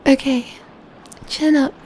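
In a soft-spoken ASMR roleplay, a woman plays a gentle, doting vampire pampering her adopted catgirl lover, sounding excited and affectionate. Her high-pitched voice is mellow and hushed, with fairly even intonation, and she speaks tenderly and slowly, giggling softly. The audio quality is poor, with faint background noise.

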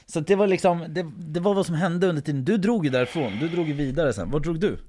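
A man's voice: fairly high pitch, mellow, a little hiss or hum. A man telling a long anecdote in casual podcast chat, acting out quotes and swearing casually.

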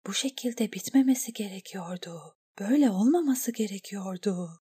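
A woman voicing a young princess's frightened inner thoughts in a hushed, whispered tone. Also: mid-range voice, normal speed, slightly rough. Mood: anguished. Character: young princess, panicked and guilt-stricken.

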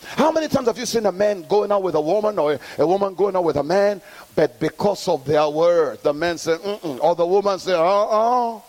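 Middle-aged pastor guy preaching, high voice, calls on the church to answer back. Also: animated, normal speed, darkish tone. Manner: call-and-response preaching, rising to emphatic peaks. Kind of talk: sermon.

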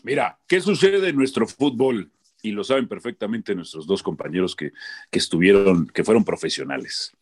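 Animated male pundit, fired-up and repetitive, voice swings a lot in pitch. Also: moderate pace, breathy edge. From born outside Mexico. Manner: emphatic, animated, repeats himself. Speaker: football pundit. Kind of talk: heated panel debate.

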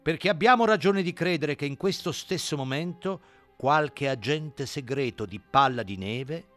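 A man putting on a shrill, scheming pig propagandist. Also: lively intonation, moderate pace, fairly bright tone, soft background music. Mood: fervent. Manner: shrill, emphatic, wheedling preaching. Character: sly propagandist male pig, shrill and insistent.

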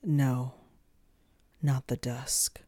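A storyteller voicing a grieving woman who murmurs in a low, hushed way. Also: fairly even intonation, unhurried, gravelly, no echo, studio quality, exaggerated voice. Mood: anguished. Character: sorrowful sister with obsidian eyes.

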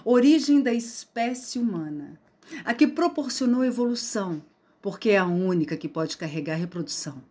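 A woman performing a spoken word poem, slow and dramatic with sudden loud outbursts. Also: mid-range voice, animated.

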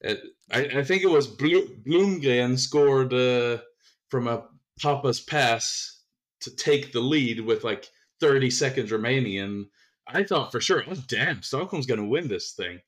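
A man's voice: mid-range voice, a little slow. Chatty male sports podcast host. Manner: chatty, laughs often, stumbles on words. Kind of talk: casual sports podcast chat.

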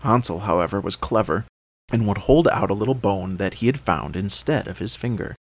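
Low husky man reading a fairy tale. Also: expressive, brisk. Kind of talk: storybook read-aloud.

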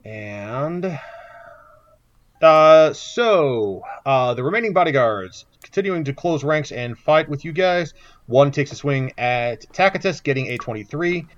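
A man's voice: fairly high pitch, animated, a little slow. A man running a tabletop game as game master, narrating the action descriptively with lots of fillers, recorded with dull lo-fi sound.

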